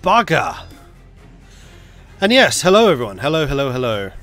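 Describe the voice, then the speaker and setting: With a mid-range, slightly bright voice and big pitch swings, a congested gaming streamer with a cold talks at a moderate pace against faint music. He chats casually with viewers, muttering to himself as he plans his moves in a strategy game.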